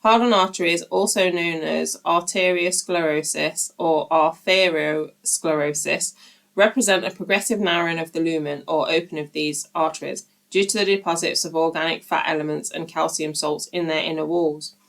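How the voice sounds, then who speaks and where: A woman hosting her channel, reading a book aloud at a steady pace and breaking off now and then for informal asides to her viewers. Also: low-pitched, moderate pace, creaky.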